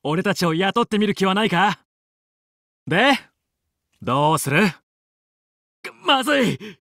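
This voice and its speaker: A man's voice: sits high, big pitch swings, slow pace, fairly bright tone, dry recording, clean studio sound, heavily acted. A male actor playing a confident, heroic young fox who leads a team of space pilots in a video game, with cool, resolute, clipped delivery. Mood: friendly, confident, then tense, concerned. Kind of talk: Japanese video game battle voice lines.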